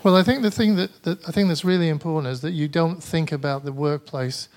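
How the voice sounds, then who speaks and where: A brisk, a little mellow voice of fairly high pitch belongs to a Mancunian conference speaker from Manchester, England. He gives a tired, conversational presentation and handles audience questions, pausing hesitantly and restarting often.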